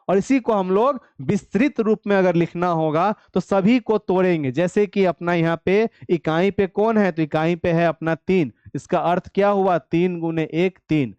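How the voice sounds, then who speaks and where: A man's voice: sits high, darkish tone, smooth, dry recording, lo-fi sound. A man with a voice, teaching a live online math class. He explains each step and keeps asking questions, then answers them himself.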